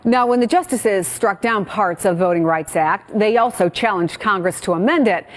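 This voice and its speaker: A woman news anchor reading scripted news copy in a brisk, clear way and introducing guests. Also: medium pitch.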